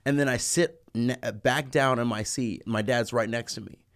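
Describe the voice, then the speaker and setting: A man in his thirties, a guest in a casual interview, telling stories in an animated way and acting out what people said. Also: mid-range voice, moderate pace. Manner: animated, acts out quoted people.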